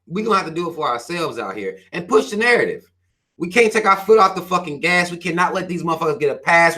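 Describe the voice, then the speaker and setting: Bright and forceful, with a hard, blunt edge, this Carolinas man's voice sits a little high for a male. He hosts a channel and reads viewer comments in a loose, profane livestream rant, speaking with a Southern American accent.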